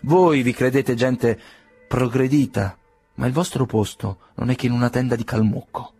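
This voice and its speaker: A man reading an audiobook, playing an irritable older aristocratic gentleman who sneers coldly and then bursts into indignation. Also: mid-range voice, fairly even intonation, normal speed, husky, dry recording, faint music behind. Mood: indignant. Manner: cold and ironic, flaring into indignant outbursts.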